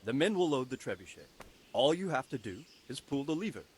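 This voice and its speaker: An actor voicing a commanding noble lord in a video game, giving measured orders. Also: male voice, medium pitch, sing-song, breathy edge.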